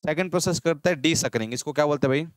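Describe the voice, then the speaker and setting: Male tutor, quick call-and-response drilling, clean close voice, dry sound. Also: on the high side, clean tone, no echo. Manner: drills terms with repeated call-and-response questions. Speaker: agriculture teacher. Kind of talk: exam-prep lecture.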